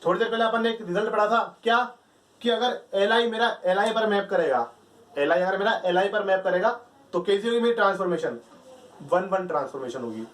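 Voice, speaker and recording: High-voiced man teaching math, echoey room. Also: a little fast. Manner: explains step by step, asks and answers his own questions. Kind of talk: lecture. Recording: echoey room, distant mic.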